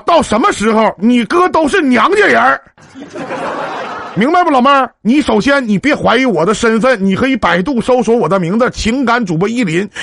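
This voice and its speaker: A man's voice: very high-pitched, creaky, fairly bright tone, slight background noise. A man with a Northeastern Mandarin accent hosting a live-stream relationship advice show, chatting on the phone in a brash, joking, big-brotherly way. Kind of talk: casual phone counseling chat on a live stream.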